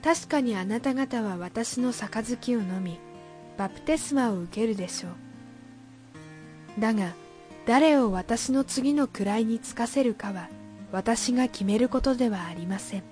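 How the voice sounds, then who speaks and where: A woman voicing a gentle, patient male teacher of scripture, speaking slowly and calmly. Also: fairly high pitch, soft background music, natural voice. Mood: calm, teaching.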